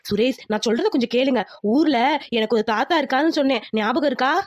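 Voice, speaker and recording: A cunning young village wife in a cartoon, voiced by a woman. She nags loudly and insistently. Her voice is high and fast, recorded dry. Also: no echo, lightly acted. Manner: loud, insistent, nagging. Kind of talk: cartoon voice acting.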